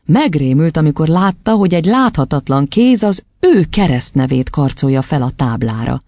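A man narrating an audiobook in measured storytelling. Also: a little high, sing-song, dark tone, no echo.

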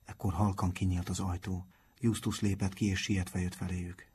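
Low husky male storyteller. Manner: calm, measured storytelling. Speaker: narrator. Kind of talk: audiobook narration.

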